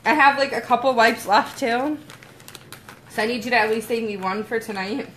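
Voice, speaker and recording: A woman's voice: fairly high pitch, steady tone, moderate pace, fairly bright tone, a little hiss or hum. A young woman chatting casually with her viewers on a livestream, giggly and talkative. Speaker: vlogger.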